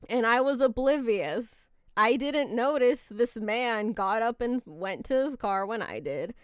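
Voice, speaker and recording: A young woman streamer telling a story casually, animated, swearing and mocking herself as she rambles. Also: a little high, no echo, clean studio sound.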